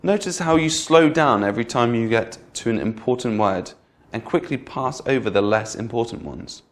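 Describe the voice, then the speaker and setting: A man with a medium-pitched, expressive voice teaches an online English pronunciation lesson. He patiently repeats example words and slows down to show which words carry stress.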